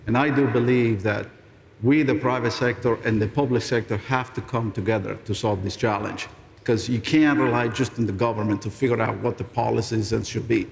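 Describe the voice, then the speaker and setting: A man's voice: medium pitch, fairly even intonation, a little fast, vocal fry, slight background noise. A man who speaks natively, hosting a keynote stage conversation with polished corporate enthusiasm. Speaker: executive host interviewing a guest on stage. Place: large indoor conference stage. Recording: echoey large hall, stage reverb.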